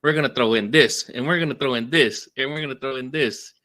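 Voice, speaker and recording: Bright-voiced man rambling casually. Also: mid-range voice, a little fast. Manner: rambling, lots of fillers like "like". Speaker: podcast guest. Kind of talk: casual chat.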